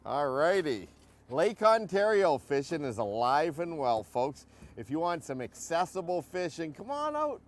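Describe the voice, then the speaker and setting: A man's voice: a little high, animated, unhurried. A middle-aged Canadian man giving casual, easygoing fishing commentary, encouraging in short folksy phrases. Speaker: fishing show host. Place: outdoors on a fishing boat on a lake. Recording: boat engine and outdoor noise.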